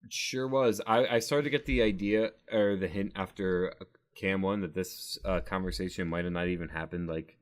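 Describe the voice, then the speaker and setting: A man's voice: low voice, fairly even intonation, moderate pace. A man co-hosting a podcast in casual chat, rambling with many restarts and frequent laughter. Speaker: podcast co-host.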